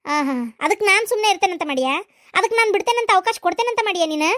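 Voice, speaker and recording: A woman with a North Karnataka Kannada accent voicing a fierce, scolding middle-aged mother-in-law in a cartoon, in a shrill, harsh manner. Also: expressive, rapid-fire. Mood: accusing. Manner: harsh, accusing, loud scolding. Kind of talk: cartoon voice acting.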